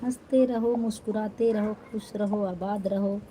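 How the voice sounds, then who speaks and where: A young woman chats slowly and playfully on a phone live stream, teasing her viewers as she reads their comments. Her voice is mellow and soft-edged, with a faint hiss of noise behind it. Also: medium pitch, steady tone, rough recording. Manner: teasing, playful, laughing often. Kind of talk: casual live-stream chat.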